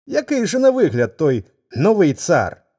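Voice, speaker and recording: A man's voice: sits high, huge pitch swings, measured pace, mellow, husky, pitched above the performer's own voice, full character voice. A man voicing an eager, fawning male wolf in a folk tale reading. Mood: eager, curious.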